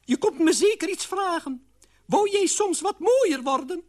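A man voicing a kindly, wise old aunt who lives on a mountain, talking in a high, sweet, knowing tone. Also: animated, a little slow.

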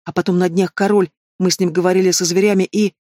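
A man's voice: high-pitched, little pitch movement, fast, darkish tone, no room sound, clean studio sound, natural voice. A man reading an audiobook voices a passionate, defiant young noblewoman, lifting his voice into emotional outbursts. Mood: pleading.

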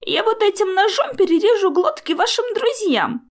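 A woman voicing a crazed older male archivist villain, hoarse and shrill, in an audiobook reading. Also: big pitch swings, moderate pace, full character voice. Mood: menacing. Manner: shrill, shouting, impatient.

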